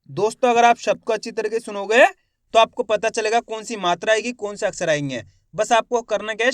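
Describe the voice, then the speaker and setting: A man teaching Hindi reading, slowly sounding out words syllable by syllable and quizzing his viewers. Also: high voice, clean tone, dry recording, studio quality. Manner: slow, drawn-out syllable by syllable pronunciation; addresses viewers as friends, asks quiz questions. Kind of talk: spelled-out reading lesson.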